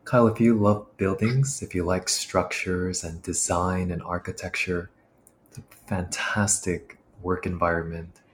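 Reflective male pastor guest, lowish voice, slight hiss behind. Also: fairly even intonation, a little slow. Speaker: pastor and military chaplain. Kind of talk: podcast interview guest.

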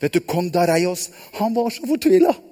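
High-voiced man telling a children's story. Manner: lively, asks the children questions. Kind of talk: live Bible story for children. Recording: long hall reverb.

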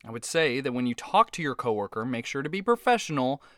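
A man's voice: mid-range voice, sing-song, fast, sharp tone, no echo, clean studio sound. A man hosting a comedic advice show, talking earnestly and sometimes sounding exasperated. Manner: earnest, exasperated, eager to please.

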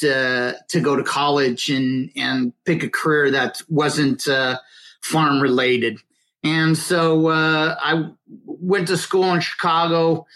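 A middle-aged man from Western Nebraska, a podcast guest, telling his career story in a relaxed, hesitant way. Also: on the high side. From Western Nebraska, USA. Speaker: podcast guest, finance consultant. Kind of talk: conversational interview.

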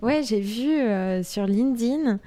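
A woman's voice: on the high side, expressive, slow, mellow. A woman co-hosting a podcast, talking through news in an informal, chatty way. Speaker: podcast co-host. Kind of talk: casual chat about marketing news.

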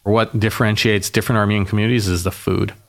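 A man's voice: on the low side, little pitch movement, fast talker. A man, a mayor who grew up in Boston and Yerevan, talking passionately and at length as an interview guest. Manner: passionate, talkative, explains at length. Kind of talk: casual interview conversation.

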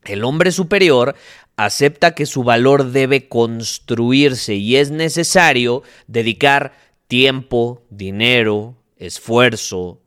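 A man's voice: mid-range voice, slow, fairly bright tone, smooth. A man hosting a podcast, giving an emphatic, preachy motivational monologue and talking straight to the listener. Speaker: podcast host.

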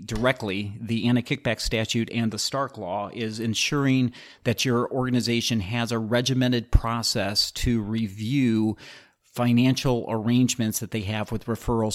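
A man hosting a solo podcast, explaining healthcare law in a methodical, explanatory way with occasional restarts. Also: mid-range voice. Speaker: podcast host, healthcare attorney.

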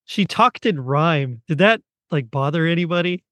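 A man talking as a podcast guest in a casual chat, chatty and quick to laugh. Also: fairly high pitch, animated, fairly bright tone, no room sound, clean studio sound.

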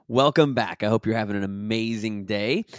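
Raspy-voiced man hosting a podcast. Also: on the low side, moderate pace, no echo, studio quality. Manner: upbeat and enthusiastic; chatty and rambling. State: raspy, recovering from being sick. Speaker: podcast host and business coach. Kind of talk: casual podcast talk and reading from his own book.

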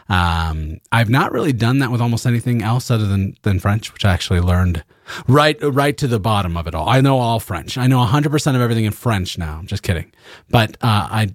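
A man co-hosting a casual podcast, with a fairly low voice recorded dry and close. He rambles and jokes, swearing freely as he goes. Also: no echo. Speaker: podcast co-host. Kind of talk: casual chat.

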